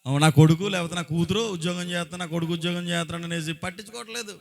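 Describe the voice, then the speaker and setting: A man's voice: high voice, fast talker, vocal fry. A man from Andhra Pradesh preaching as a pastor, exhorting the congregation with rhetorical questions in a colloquial way. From Andhra Pradesh, India. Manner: exhorting, often breaking into short acted quotes and raising his voice. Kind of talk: sermon.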